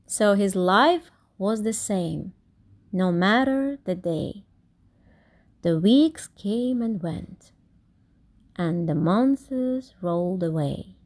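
Slow, lilting woman reading a picture book. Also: medium pitch, expressive, a little mellow. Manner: deliberate, theatrical emphasis on key words. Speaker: storybook reader. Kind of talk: expressive read-aloud of a children's picture book.

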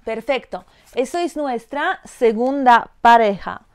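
A woman teaching pronunciation, saying each word slowly and several times over. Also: fairly high pitch, animated, clear, resonant tone. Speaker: language teacher. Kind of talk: slow pronunciation lesson.

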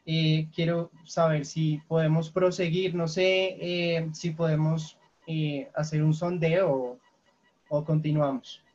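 A woman with a low, darkish voice teaches an English class over a video call, speaking slowly and in a steady tone. She explains grammar patiently and checks often for questions. The online call audio is lo-fi.

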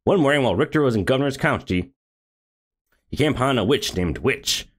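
Fast, animated man reading a game story. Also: medium pitch, husky. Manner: sarcastic asides, animated reading. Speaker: streamer.

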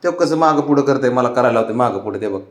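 With a medium-pitched, animated voice and a quick pace, a man talks baby-talk to his cat. His tone is coaxing and teasing, full of repeated questions and frequent chuckles.

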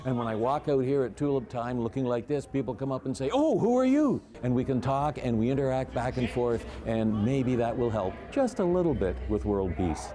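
A man in his sixties speaks casually as an interviewed town crier. His voice is mellow and medium-pitched. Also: lively intonation, fairly quick. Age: 60s. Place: indoor brick lobby.

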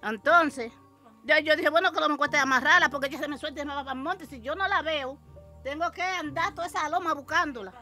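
An older woman, animatedly telling an interviewer her story as a mother and acting out the shouts and quotes in it. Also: sits high, fairly quick, soft background music.

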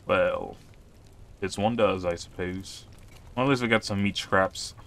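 Wry, low-voiced man playing a game. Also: a little slow, vocal fry, fairly bright tone, slight background noise. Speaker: gaming youtuber. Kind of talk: casual game commentary.

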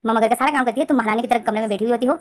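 A woman voicing a bossy, loud young man who keeps ordering others around in a scolding tone. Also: fairly high pitch, steady tone, rapid-fire, lightly acted. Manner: scolding, insistent.

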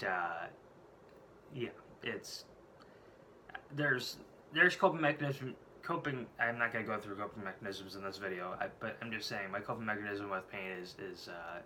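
Bright, forceful and fairly low-pitched, this man's voice moves at a normal speed. He's a vlogger in his late twenties, stuffed up with a cold and a rough throat, chatting candidly and wandering off topic, swearing a lot, recorded indoors at home on a desk camera.

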